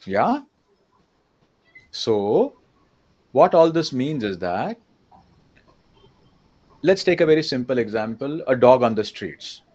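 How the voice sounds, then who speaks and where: A man's voice: mid-range voice, big pitch swings, slow, pauses often, a little mellow. A man with an Indian accent teaching a class in a conversational way, often asking questions and mixing in Hindi. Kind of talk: interactive lecture. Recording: dull lo-fi recording.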